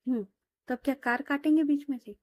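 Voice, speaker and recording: Brief: a woman playing a level-headed young woman, earnest and chiding, pitched up. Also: fairly even intonation, quick pace, no room sound, lo-fi sound, close to an everyday voice. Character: sensible young businesswoman, protective friend.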